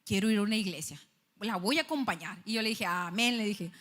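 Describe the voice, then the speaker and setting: A woman's voice: mid-range voice, fairly quick. Woman preaching in a reverberant church hall. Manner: animated storytelling, acting out dialogue. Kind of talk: sermon with personal story. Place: church stage.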